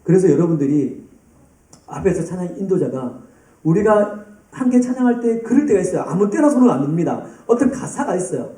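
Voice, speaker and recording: A man preaching a sermon to a youth group, lively and addressing students by name. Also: high-pitched, fairly quick. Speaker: pastor. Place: church hall. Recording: roomy, distant church hall sound.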